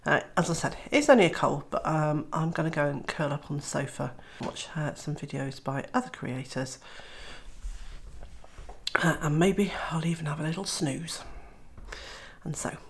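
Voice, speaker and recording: In a low voice at a moderate pace, a woman from Wales vlogs casually about her homestead. A cold makes her sound nasal and throaty, and her chatty talk is full of "uh" fillers.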